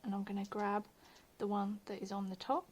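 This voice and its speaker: A woman's voice: medium pitch, steady tone, a little fast, darkish tone, slight background noise. A woman hosting a casual crochet tutorial at home, chatty and self-deprecating, dropping to a murmur while she works. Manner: says she has her posh telephone voice on.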